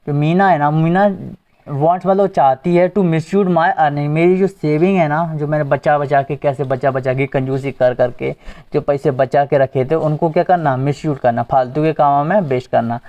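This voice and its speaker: A man's voice: a little high, darkish tone. A male teacher giving an exam-prep grammar lesson, asking the class questions and repeating the answers. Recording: dull lo-fi recording.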